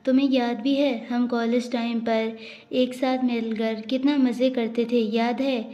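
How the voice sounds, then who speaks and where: A woman's voice: on the high side, level tone, a little slow, warm tone, lo-fi sound, natural voice. A woman voicing a young husband who is teasing, possessive and coaxing in his pleas, read in a storytelling manner. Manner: coaxing, pleading apologies.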